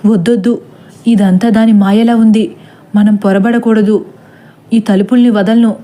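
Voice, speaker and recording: A woman's voice: medium pitch, fairly even intonation, a little slow, dark tone, close to an everyday voice. A woman voicing a timid middle-aged man who frets and talks fearfully in a storybook reading. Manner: stammering, fretful.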